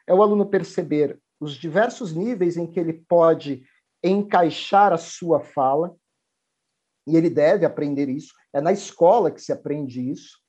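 A man with a high voice explains how he teaches in an earnest, explanatory way. The recording is dull and lo-fi. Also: darkish tone, breathy edge. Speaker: university professor, interviewee. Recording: dull lo-fi audio.

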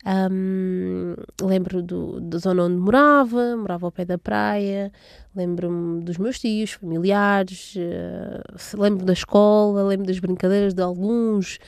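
A woman's voice: mid-range voice, steady tone, slow pace, vocal fry, no echo, clean studio sound. A young woman from São Tomé, recalling her childhood in an interview, hesitant with many fillers and restarts. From São Tomé and Príncipe. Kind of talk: casual personal recollection.

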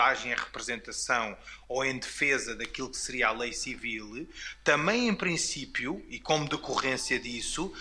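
Bright-voiced Portuguese panelist man. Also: mid-range voice. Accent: European Portuguese. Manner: argumentative, questioning. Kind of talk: panel discussion.

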